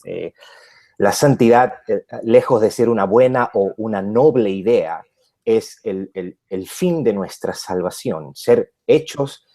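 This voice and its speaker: A middle-aged man from Peru, a pastor talking in a radio interview, often pausing with fillers and restarting his words. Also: fairly low pitch, mellow. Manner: hesitant, many fillers and restarts.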